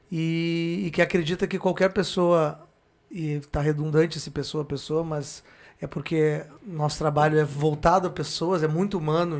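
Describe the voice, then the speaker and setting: A male podcast guest with a Porto Alegre accent from southern Brazil speaks in a fairly high voice for a man. His casual chat is halting, and he keeps circling back to reword things.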